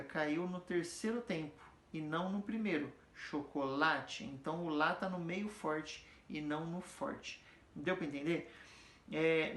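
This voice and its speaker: A man teaching music theory in an easygoing, conversational way. He stops often to ask whether his listeners are following along. The room around him gives his voice a noticeable echo. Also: on the high side. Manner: explains patiently, checks understanding with frequent tag questions; sings or chants example words slowly to demonstrate stress. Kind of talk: casual explanatory lesson. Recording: echoey room.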